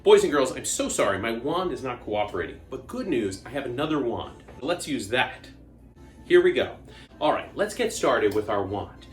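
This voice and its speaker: Animated kids' party magician, lively swooping pitch. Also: moderate pace, echoey room, faint music behind. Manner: kids' party magician: exclamatory, coaxing, playful call-and-response. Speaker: children's magician and show host. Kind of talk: interactive kids' party magic show for camera.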